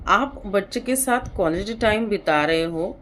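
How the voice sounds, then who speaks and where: An Indian woman psychologist and counselor explaining parenting tips in a steady, explanatory manner. She mixes English terms into her speech and pauses on fillers now and then. Her voice sits at an ordinary pitch, with a faint hiss behind it. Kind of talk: parenting advice talk.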